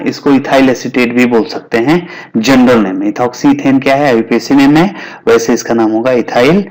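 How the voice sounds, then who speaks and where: A man's voice: medium pitch, creaky, a little mellow. Male chemistry teacher, mix. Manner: repeats key terms, asks and answers his own questions. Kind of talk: explaining at a whiteboard.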